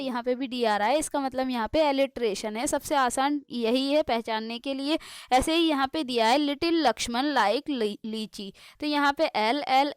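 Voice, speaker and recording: An Indian woman teaching an exam-prep lesson, explaining in Hindi and reading English examples out slowly. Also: high-pitched, no room sound, studio quality.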